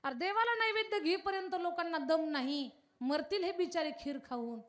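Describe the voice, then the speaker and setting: A woman preaching a devotional kirtan sermon, telling a story and putting questions straight to her audience in an animated way. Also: very high voice, normal speed.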